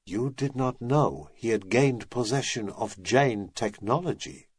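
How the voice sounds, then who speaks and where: A man voicing an ancient male official with a breathy, calm, unemotional way of speaking in an audiobook. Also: medium pitch, no room sound, clean studio sound. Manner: measured, unemotional.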